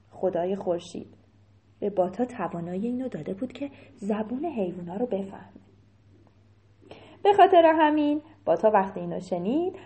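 A woman telling a story to children in an animated way, often turning to ask them questions. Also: a little high.

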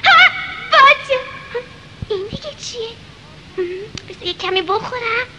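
A woman voicing a cheeky wooden puppet boy in a storybook audio drama, talking in a high, squeaky, bratty way. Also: expressive, background noise. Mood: hungry.

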